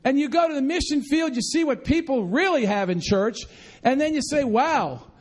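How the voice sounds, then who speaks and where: A man with a strikingly high voice preaches a sermon, shifting between talking to his congregation and acting out a story. He speaks in an animated, chatty way, tossing in quick asides and correcting himself as he goes. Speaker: pastor. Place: church room with congregation.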